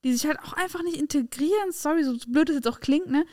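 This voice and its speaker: A woman with a somewhat high voice works through her argument step by step and keeps checking in with her co-host. The sound is dry and close-miked. She keeps a casual, conversational tone. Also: quick pace, a little mellow, dry recording. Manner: thoughtful, reasons through her point with many tag questions. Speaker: podcast co-host.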